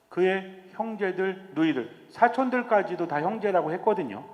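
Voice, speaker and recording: Male priest, high and animated delivery, retreat talk in a hall with long reverb; engages the audience with questions. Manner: lively, asks the audience questions.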